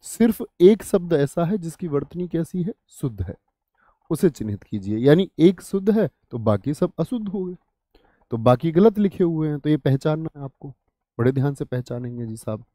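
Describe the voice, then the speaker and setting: A man's voice: fairly high pitch, expressive, normal speed, dark tone, no echo, clean studio sound. A man teaching a Hindi grammar lesson for exam prep, asking questions and answering them himself, calling his students brother and friend. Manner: addresses students familiarly, 'bhai sahab', 'dost'.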